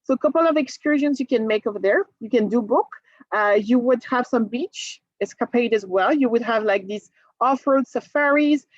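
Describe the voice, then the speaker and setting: Speaking at a moderate pace in a voice on the high side, a French woman from France who is a travel agent chats her way through a cruise presentation for a group, laughing a lot and starting sentences over. There's no echo, but the highs are cut off.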